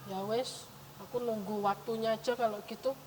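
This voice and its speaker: A woman's voice: a little high, steady tone, moderate pace, darkish tone, slightly rough, long reverb tail, low-quality recording. A woman voicing a sulky young child puppet who grumbles about wanting toys. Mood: calmed. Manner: whiny, grumbling kid voice. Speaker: puppet character.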